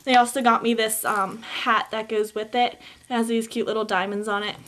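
A woman's voice: on the high side, level tone, normal speed, a bit bright. A teenage girl talking casually on a home vlog, upbeat and chatty with lots of fillers, recorded on a camcorder mic. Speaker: vlogger. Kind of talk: casual holiday haul vlog. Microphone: camcorder built-in mic.

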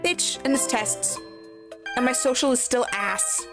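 A woman with a high, bright-pitched voice talks her way through a dating game in loose let's-play commentary. She is excitable and crude, tossing out playful swears as she goes. Game music plays clearly behind her. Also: a little slow. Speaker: streamer playing a dating game.

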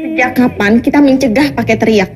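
A woman's voice: fairly high pitch, fairly quick, a crowd in the background, close to an everyday voice. An actress playing a worried mother abroad who coolly reproaches her husband over a video call. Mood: reproachful. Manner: cool, reproachful.

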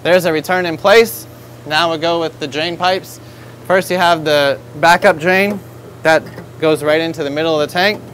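A man's voice: fairly high pitch, steady tone, normal speed, fairly bright tone, a little hiss or hum. American male host, thirties, store tutorial, instructive and upbeat, lapel mic in a showroom. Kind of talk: product demonstration tutorial.

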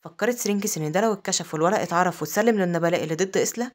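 A woman with an Egyptian accent narrating a comic-story recap, with quick asides. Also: lowish voice. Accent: Egyptian Arabic. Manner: rapid, breathless storytelling with asides.

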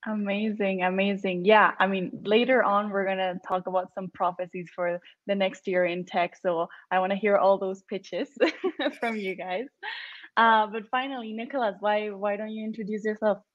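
A woman's voice: mid-range voice, fairly even intonation, moderate pace, dry recording. A young woman moderates a panel over a video call, upbeat and enthusiastic as she hands over to each guest. Her mid-range voice comes through dry, with no room sound. The call audio is dull and lo-fi. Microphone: video call webcam.

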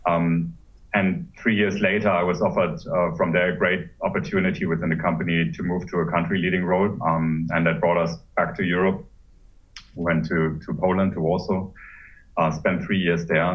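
A man in his forties from Germany, speaking in a measured, thoughtful way with many pauses as a guest on a video-call interview. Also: deep voice. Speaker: pharma executive guest. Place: home room with high ceiling. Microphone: laptop webcam mic on a video call. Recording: muffled, distant video-call audio.

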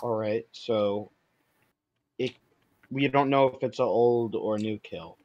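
A man's voice: mid-range voice, takes it slowly, darkish tone, muffled recording. A young man in a casual gaming voice chat who keeps asking probing questions and reasons things out aloud. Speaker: gamer.

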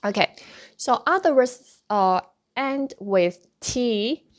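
A woman's voice: a little high, lively intonation, slow. A woman teaching an online language lesson, patiently repeating sounds for practice. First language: Cantonese. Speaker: Cantonese teacher.

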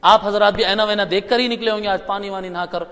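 A man preaching a Friday sermon in a mosque, emphatic, building to loud rhetorical peaks before dropping low. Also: steady tone. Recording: long hall reverb.

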